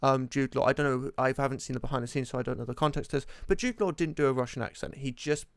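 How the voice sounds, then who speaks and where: Gravelly dude on a podcast, lots of ums, resonant, dry mic. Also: male voice, mid-range voice, fairly even intonation, fast talker, no room sound. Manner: hesitant, lots of "um" and restarts. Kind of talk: casual podcast discussion.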